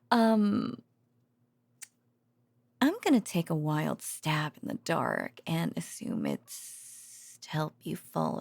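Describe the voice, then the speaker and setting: A voice actor plays an affectionate, rambling, excitable researcher girlfriend soothing her boyfriend to sleep in an intimate ASMR-style bedtime monologue. Her low voice is breathy, soft, often near a whisper, and she's hesitant and chatty with sighs and giggles, sounding touched and flustered. She's close to the mic with no echo, in full character voice.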